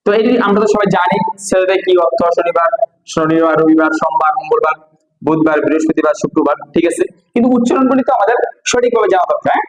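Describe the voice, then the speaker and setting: A man with a Bangladeshi accent teaching English pronunciation, repeating words slowly for practice. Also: a little high. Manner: drills words slowly with repetition. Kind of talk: pronunciation lesson. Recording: echoey room with faint noise.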